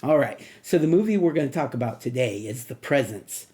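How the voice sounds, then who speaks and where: A middle-aged man talks through a movie review in a loose, casual way. He wanders and restarts his sentences, with plenty of fillers along the way. His voice is mellow and warm, at an ordinary pitch for a man. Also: expressive, fairly quick. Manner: rambling, many fillers and restarts.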